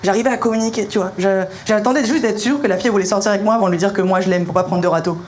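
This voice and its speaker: A young man performing punchy stand-up comedy in colloquial, slangy language, telling animated stories and acting out dialogue. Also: high-pitched, rapid-fire. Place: live comedy venue. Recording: live show recording with clear noise.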